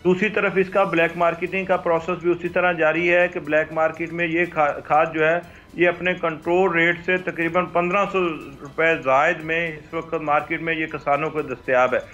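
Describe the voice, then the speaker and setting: A man's voice: a little high, level tone, moderate pace, few pauses, a bit bright. A man from Pakistan, a farm-lobby head, gives formal answers full of prices over a remote call whose audio keeps breaking up. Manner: formal, reciting prices and figures. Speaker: head of a farmers' chamber, guest. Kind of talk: remote news interview answer. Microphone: remote call line. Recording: dull, cutting-out call line.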